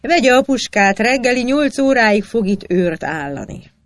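A reader voicing a calm, commanding male statesman in a read-aloud anecdote, giving firm, measured orders. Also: medium pitch, no echo, close to an everyday voice. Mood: stern.

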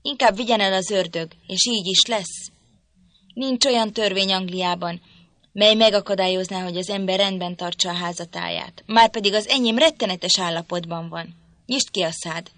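A woman reading an audiobook, voicing a drunken, violent young father who rants and threatens loudly. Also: mid-range voice, dry recording, natural voice. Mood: threatening. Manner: loud, ranting, threatening.

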